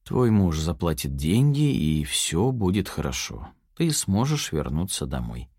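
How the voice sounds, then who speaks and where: A man playing a curly-haired male kidnapper who speaks softly and guiltily to his captive. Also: animated, unhurried, no echo, studio quality. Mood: soft reassuring. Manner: low, gentle, subdued.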